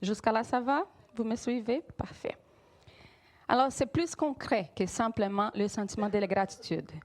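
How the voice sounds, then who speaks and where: A woman's voice: a little high, normal speed, darkish tone. A woman from Brazil with a Brazilian accent, preaching a sermon in a church and often checking that her congregation follows her. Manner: engaging, quizzes the congregation, repeats key words.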